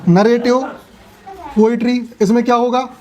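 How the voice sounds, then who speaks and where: A man's voice: very high voice, flat delivery, normal speed, a little mellow, dull audio. Male tutor, classroom lecture, casual and talkative, keeps checking students follow. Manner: chatty, asks students questions, jokes. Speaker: coaching class teacher.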